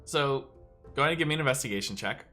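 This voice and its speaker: A game master running a tabletop game, laughing along and giving quick rulings. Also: mid-range voice, expressive, pushed and bright, faint music behind.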